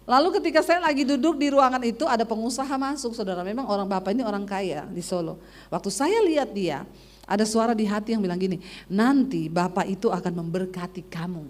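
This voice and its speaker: Woman pastor in her forties, fairly high voice, lively storytelling sermon. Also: fast. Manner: animated, acts out dialogue with humor.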